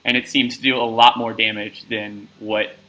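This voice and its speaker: A man's voice: on the low side, little pitch movement, normal speed, pushed and bright, poor audio. A man narrating a tabletop game as game master, talking loosely with lots of fillers and restarts.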